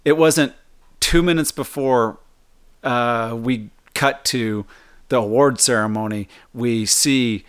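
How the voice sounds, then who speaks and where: A man co-hosting a casual comedic chat, hedging and restarting as he pushes back with skepticism. His voice sits at an ordinary middle pitch. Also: takes it slowly, a bit bright, clear, resonant tone. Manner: hesitant, restarts often, skeptical. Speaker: podcast co-host.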